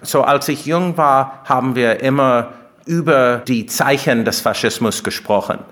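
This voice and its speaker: An American man, a philosopher and author, answers interview questions in an explanatory way. He speaks non-native German with small grammar slips, in a medium-pitched, slightly bright voice at a measured pace.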